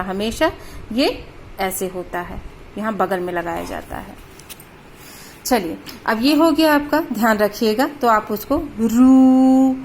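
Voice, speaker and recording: Woman grammar teacher, slightly high voice, patient, sounds out letters slowly, faint background hiss. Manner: patient, repeats sounds slowly to demonstrate pronunciation; mixes in English words. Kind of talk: explaining at a board.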